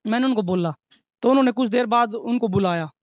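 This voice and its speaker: A man's voice: very high voice, fairly quick, dry recording, studio quality. A young man, a restaurant manager, earnestly recounting in detail how he and his staff were beaten. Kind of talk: interview testimony.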